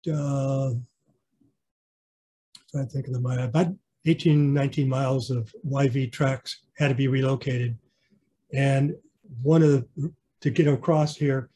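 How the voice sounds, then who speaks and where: A man's voice: medium pitch, warm tone. A man giving a casual online slideshow clinic about his model railroad, rambling with fillers and restarts. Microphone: video call.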